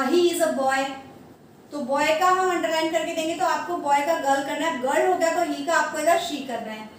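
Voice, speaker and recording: A woman's voice: sits high, recorded from a distance. A woman teacher with an Indian English accent, giving an online grammar class to young children and spelling words out letter by letter. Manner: spells words letter by letter, calls pupils beta. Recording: echoey room, away from mic, faint background hum.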